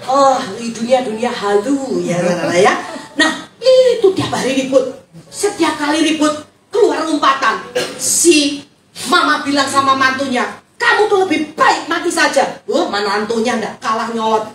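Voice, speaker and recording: A woman pastor, preaching a lively sermon and joking with the congregation. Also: high voice, normal speed. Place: church hall. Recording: echoey hall, distant mic.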